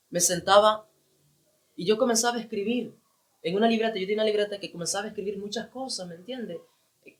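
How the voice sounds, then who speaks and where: A man, an evangelist giving his personal testimony with emotion and repeating phrases for emphasis. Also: high voice.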